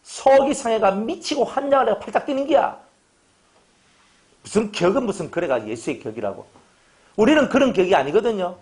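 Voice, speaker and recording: Lively joking pastor. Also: male voice, sits high, a little fast, long pauses. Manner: animated, joking, acts out little dialogues. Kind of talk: humorous sermon.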